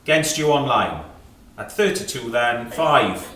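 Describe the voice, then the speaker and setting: Bright and forceful, the British auctioneer speaks in a mid-range voice that is animated yet measured in pace. He calls antique lots and ascending bids in clipped numbers inside an indoor sale room, prompting the crowd repeatedly. A distant microphone captures the room's echo.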